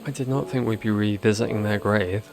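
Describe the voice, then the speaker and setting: A man's voice: on the low side, fairly even intonation, a little fast, music in the background. A man streaming a game, chatting casually and reacting with mock sadness and the odd swear. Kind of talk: casual gameplay commentary.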